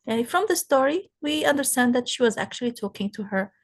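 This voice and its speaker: A woman teaching an English lesson, explaining slowly and asking her students questions as she goes. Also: a little high, lively intonation. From Palestine. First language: Arabic. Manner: slow, explaining, asks rhetorical questions. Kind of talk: recorded classroom lesson.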